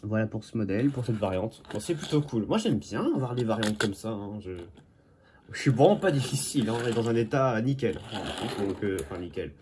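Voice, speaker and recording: With a lowish, expressive voice and a brisk pace, a Normandy man who collects toy cars gives casual show-and-tell commentary on things he found at a flea market. He corrects himself a lot and drops jokey asides, with background noise audible.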